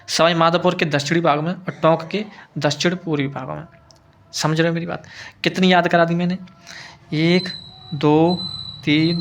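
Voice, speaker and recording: A man's voice: fairly high pitch, creaky, fairly bright tone. A male teacher giving an exam-prep lesson over a map, repeating each answer and quizzing students with questions he answers himself.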